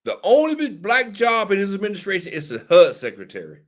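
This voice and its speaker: Tipsy man, lively high voice, rambling, laughing. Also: fairly quick. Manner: laughing, rambling, repeats "hold on". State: a little tipsy. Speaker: show host. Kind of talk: casual political commentary.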